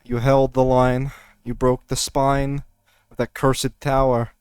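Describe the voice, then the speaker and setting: A man's voice: medium pitch, flat delivery, slow, darkish tone, clean tone, no echo, close to an everyday voice. A man voicing a relieved, earnest male commander in a tabletop game.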